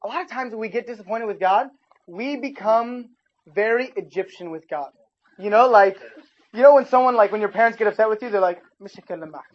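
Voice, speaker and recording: A man giving an informal sermon as a youth pastor, chatting casually with his listeners and adding animated asides. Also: sits high, brisk. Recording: dull lo-fi recording.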